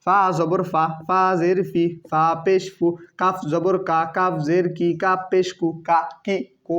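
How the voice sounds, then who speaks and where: A man teaching a Quran tajweed class online, patiently drilling Arabic letters and vowel marks, repeating each sound slowly for students to follow. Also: high-pitched, level tone, a bit bright. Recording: dull lo-fi sound.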